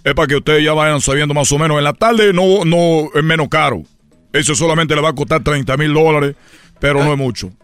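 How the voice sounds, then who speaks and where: A man's voice: a little high, a little fast, fairly bright tone, clear, resonant tone, no room sound, soft background music. A man hosting a comedy radio skit, telling a rambling, playful story. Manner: rambling and playful, slipping into voices.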